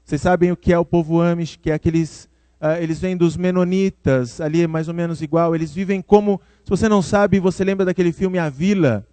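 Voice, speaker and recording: Brazilian guy preaching, chatty and friendly, calls people by name, slightly high voice. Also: fairly even intonation, a little fast, warm tone, no room sound. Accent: Brazilian Portuguese. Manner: conversational, addresses listeners by name, acts out quoted voices. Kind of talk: sermon.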